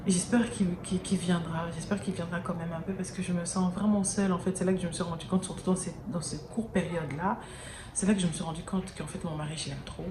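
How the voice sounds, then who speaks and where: A woman talks straight to camera in a casual, earnest way, her voice sitting a little low and halting often as she restarts her sentences. With no separate mic, the sound is roomy and echoey, and a faint hum of background noise runs underneath. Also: steady tone. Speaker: vlogger. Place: indoors near an airport, daytime. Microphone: no external mic, camera mic. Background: planes and sirens passing.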